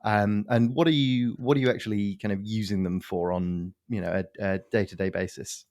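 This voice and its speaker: A man's voice: lowish voice, steady tone, moderate pace, a little mellow. A man hosting a podcast interview conversationally, feeling his way through questions and rephrasing them as he goes. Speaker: podcast host.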